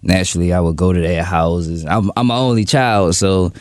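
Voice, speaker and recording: A man in his thirties with a very low, deep voice talks through his memories in a relaxed, thoughtful way, often restarting his sentences. The sound is close and dry, with no room echo. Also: moderate pace. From Baltimore, USA. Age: 30s. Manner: relaxed, reflective storytelling with frequent restarts. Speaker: guest. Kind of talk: casual interview.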